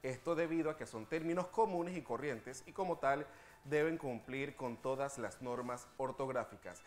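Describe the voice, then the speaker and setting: A man hosting a TV language segment, patiently explaining spelling rules and slowing down to spell out examples. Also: medium pitch.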